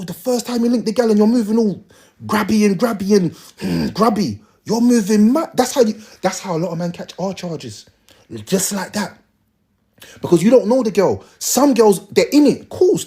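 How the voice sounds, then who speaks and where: Husky, animated man lecturing viewers. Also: high voice. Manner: blunt, slangy, preachy, lectures the viewers. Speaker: live streamer. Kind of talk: casual advice on a livestream.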